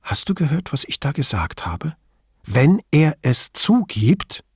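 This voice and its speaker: A man's voice: medium pitch, lively intonation, unhurried, creaky, dry recording, studio quality. A man reading an audiobook, voicing an outspoken woman investigator who flares into indignant outbursts. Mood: furious.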